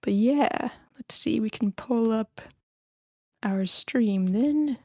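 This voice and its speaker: A woman hosts a screenplay table read, moving between casual, encouraging chat and narrating stage directions. Her voice is on the high side, slow and warm, in a dry recording.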